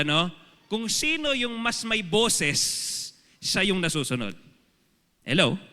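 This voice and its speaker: A Filipino man preaches from the pulpit in a high, ringing voice. He keeps firing rhetorical questions at the congregation as he teaches. His words carry a long reverb, as if he is in a large church hall. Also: bright, forceful tone. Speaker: pastor. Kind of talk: sermon.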